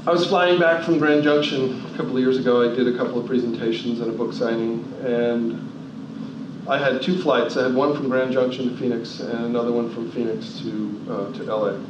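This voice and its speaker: This motivational speaker, a New Jersey man in his forties, talks fairly quickly in a mid-range voice with a steady tone. He leans on emphatic rhetorical questions and shifts his pace. Recorded in a large hall, the sound is echoey, distant, dull and noisy.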